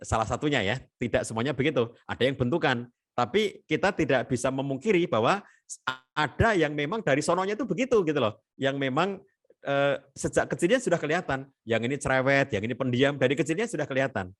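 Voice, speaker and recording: A man's voice: mid-range voice, animated, quick pace. A man giving a chatty, repetitive webinar talk on parenting, full of tag fillers and asides. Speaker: family and parenting speaker.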